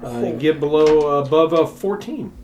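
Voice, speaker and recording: A male game master narrating a tabletop session slowly and hesitantly, with a fairly high voice. His speech is full of fillers, and he is recorded in an echoey room. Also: lively intonation, over music. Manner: unhurried, hesitant, lots of fillers.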